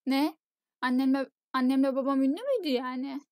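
A bewildered young boy asks hesitant, polite questions in an audiobook, as a woman reads him. The voice is high and recorded dry and close. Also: fairly quick, no echo, lightly acted. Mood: astonished. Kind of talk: audiobook character reading.

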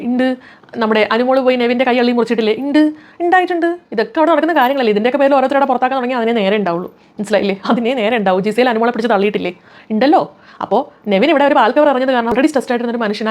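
A woman giving opinionated commentary on a reality show, emphatic and often putting questions to her viewers. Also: fairly high pitch.

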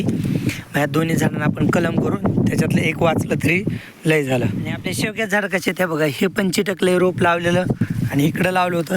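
Chatty farmer outdoors with loud background noise. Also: male voice, fairly high pitch. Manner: chatty, calls out to animals. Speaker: farmer vlogger. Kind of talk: casual farm vlog narration. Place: outdoors on a farm field. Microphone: phone held while filming.

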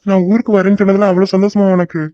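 A woman's voice: medium pitch, level tone, rapid-fire, mellow, no echo, close to an everyday voice. A woman voicing a dutiful, homesick young son who works away from home, speaking earnestly and reluctantly. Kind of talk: cartoon voice acting. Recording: dull lo-fi dry recording.

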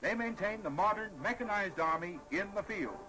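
A man's voice: high voice, lively intonation, normal speed, poor audio. A man giving formal, declamatory narration for a wartime newsreel, heard as an old newsreel soundtrack. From Canada. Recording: old newsreel audio with music underneath. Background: music.

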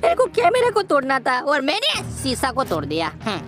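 A woman voicing an excitable, boastful boy cartoon hero while commenting on a game, teasing and shouting at the villain. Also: high-pitched, brisk, soft background music, heavily acted. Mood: excited. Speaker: gameplay commentator. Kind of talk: playful gameplay commentary in character.

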